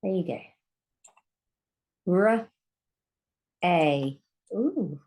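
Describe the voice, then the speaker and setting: A woman's voice: lowish voice, very animated, extremely slow, a little mellow, rough recording. A woman teaching a recorded phonics lesson, patiently sounding out letters again and again. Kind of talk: recorded online spelling lesson.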